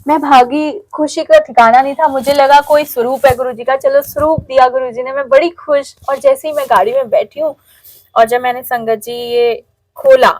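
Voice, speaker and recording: Middle-aged woman, high voice, dry close sound, heartfelt devotional testimony, emotional storyteller. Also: fairly even intonation, moderate pace, a little mellow, no echo. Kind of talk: emotional spoken testimony to a congregation.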